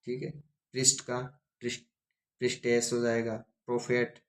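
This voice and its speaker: A man's voice: medium pitch, completely flat delivery, normal speed. A man teaching a grammar lesson, spelling words out letter by letter and asking his students questions.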